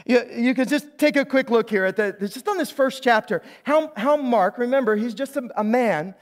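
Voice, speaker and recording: A man's voice: very high-pitched, moderate pace. A man preaching a sermon as a pastor in a church, stopping and restarting phrases and asking the congregation to repeat lines after him. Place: church sanctuary.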